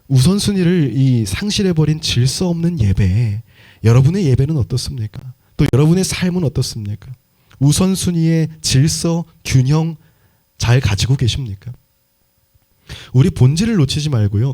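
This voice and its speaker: A man's voice: mid-range voice, warm tone. A man pastor preaching a sermon in a conversational way, asking the congregation many questions.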